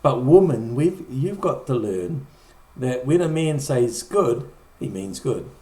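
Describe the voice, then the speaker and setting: A man's voice: mid-range voice, big pitch swings, slow, a little mellow. Man preaching in an echoey room. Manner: conversational, repeats and restarts words, acts out short quoted lines. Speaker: pastor. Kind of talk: sermon.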